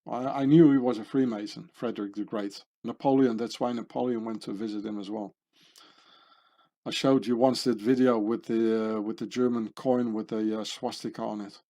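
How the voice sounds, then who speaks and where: A man's voice: on the low side, fairly even intonation, moderate pace, warm tone. A man hosting his channel, talking through pictures in a meandering monologue full of fillers and tag questions. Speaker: channel host. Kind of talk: rambling monologue over pictures.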